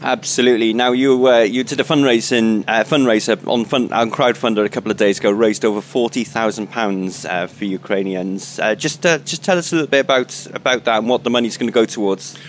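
A man presents a live radio interview at a quick clip, his voice of medium pitch. He is upbeat but trips over his phrasing at times, and there is light ambient noise behind him. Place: on location at a museum event. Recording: faint background ambient noise.

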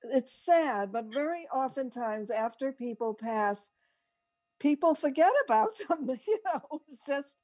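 With a high-pitched, expressive voice and a darkish tone, this older female radio co-host takes her time. Her casual chat and storytelling wander off on tangents.

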